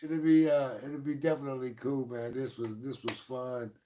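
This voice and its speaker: A man's voice: level tone, moderate pace, background noise. Male host, laid-back, repeats himself; heard through a distant phone line with uneven volume cutting in and out. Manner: easygoing, repeats short phrases. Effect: volume dropping low and surging back in and out. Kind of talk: casual live-stream chat.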